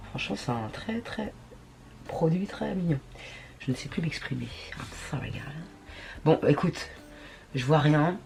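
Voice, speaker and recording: A woman chatting casually at home while testing makeup, full of crude slang and self-mocking jokes. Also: low voice. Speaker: beauty vlogger. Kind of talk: casual makeup tutorial chat.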